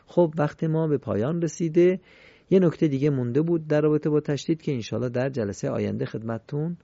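A man teaching Quran recitation in a recorded lesson, explaining rules politely and chanting example words slowly and clearly. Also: medium pitch, dark tone, no room sound, muffled recording. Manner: polite, formal teaching phrases.

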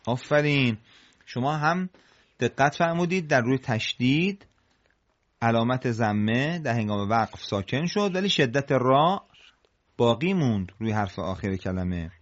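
A man leads a recitation class, explaining each rule calmly and praising his students as he goes. He chants the example phrases slowly, his voice rising above its usual mid-range speaking pitch. The recording is muffled and lo-fi. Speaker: Quran recitation teacher.

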